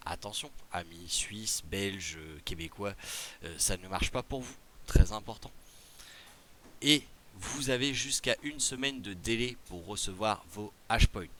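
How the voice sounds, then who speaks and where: A Quebec French man walks viewers through a game promotion, reading the rules and then breaking off into loose, chatty asides. His voice sits fairly low but sounds bright and forward. A faint hiss runs under the recording. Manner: reads rules aloud then chats loosely, fillers and asides. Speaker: gaming video creator. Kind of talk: casual tutorial commentary.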